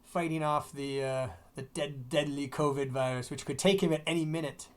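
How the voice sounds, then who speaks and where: A man's voice: a little high, fairly even intonation, moderate pace, slight background noise. A man hosting a casual podcast, loose and joking, who swears freely. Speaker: podcast host.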